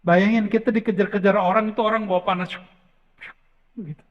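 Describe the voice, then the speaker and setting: High-voiced man preaching in an echoey hall. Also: steady tone, a little fast. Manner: emphatic, storytelling with casual asides. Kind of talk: sermon. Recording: echoey hall, dull lo-fi sound.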